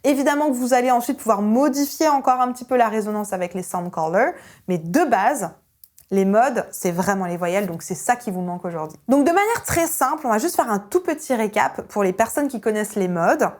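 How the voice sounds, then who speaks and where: Lively woman vocal coach. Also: on the high side, brisk. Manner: energetic and emphatic, with sung vowel demonstrations. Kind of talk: online singing lesson.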